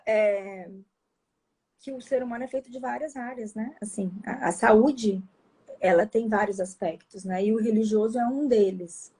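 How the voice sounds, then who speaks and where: A woman's voice: on the high side, normal speed, warm tone, breathy edge. A woman psychologist with a Brazilian Portuguese accent, talking in a casual conversation, hesitant, with frequent restarts.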